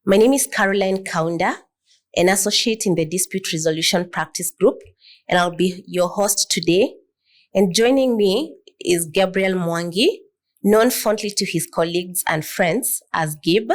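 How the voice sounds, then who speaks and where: Poised woman host, lower-pitched voice. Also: normal speed. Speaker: podcast host, lawyer. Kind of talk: interview hosting.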